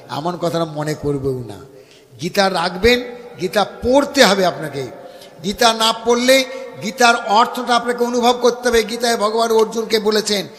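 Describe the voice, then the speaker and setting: A man with a West Bengal accent giving a devotional sermon, preaching straight to his listeners and breaking into chanted verses. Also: sits high. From India. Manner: preachy, addresses listeners as baba. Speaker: Bhagavat reciter. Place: gathering at a home, live audience. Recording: long reverb of a hall.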